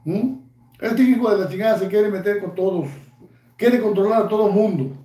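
A man's voice: sits high, normal speed, dark tone, roomy sound. A Mexican man in his fifties ranting angrily in a vlog, taunting and cursing constantly. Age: 50s. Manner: angry, profane, taunting. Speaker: YouTuber.

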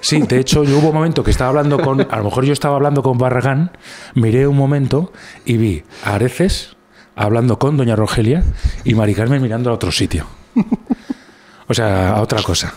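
A man's voice: medium pitch, fairly quick, darkish tone. A man with a Spanish accent, a guest comedian telling rambling anecdotes in casual conversation, with many restarts.

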